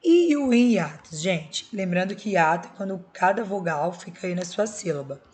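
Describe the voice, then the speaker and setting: A woman's voice: lowish voice, expressive, moderate pace, darkish tone. A Brazilian woman teaching a Portuguese class, explaining grammar rules step by step and checking in with her students. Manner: explains step by step with tag questions. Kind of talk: recorded school video lesson.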